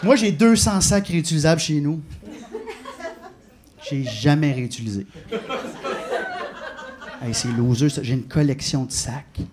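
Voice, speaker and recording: A man with a Québécois French accent performs live stand-up on a club stage, his voice sitting fairly high as he spins self-mocking stories and talks straight to the crowd. He speaks into a stage microphone. Loud audience laughter rolls in around his lines. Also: measured pace, long pauses, noisy background. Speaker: stand-up comedian.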